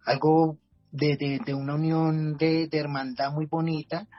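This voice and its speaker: This Bogotá man, a community project leader appearing on a podcast, recounts his own story with earnest reflection and keeps restarting his words, his Colombian accent clear. His fairly high voice comes across flat and a little slow. Soft music plays behind him in a recording with no echo and clipped highs.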